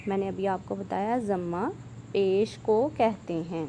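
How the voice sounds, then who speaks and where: A woman teaching Quranic letter pronunciation to a student. She drills each syllable slowly and clearly, then explains quickly in between. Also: medium pitch, mellow, slight background noise. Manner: addresses listener as "student", patient instructive tone. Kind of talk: online Quran pronunciation lesson.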